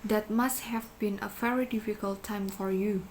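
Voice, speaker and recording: A woman playing a cold, insistent male bank clerk and blackmailing moneylender in a deliberate, stagey dramatic reading. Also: mid-range voice, steady tone, close to an everyday voice. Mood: coldly probing. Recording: echoey room with faint background noise.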